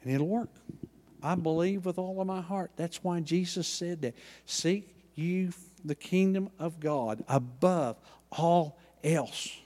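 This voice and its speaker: Preaching slowly, the Oklahoma-accented pastor delivers his church sermon with folksy charm, sinking to quiet lows before building up loud. A long reverb tail follows his words.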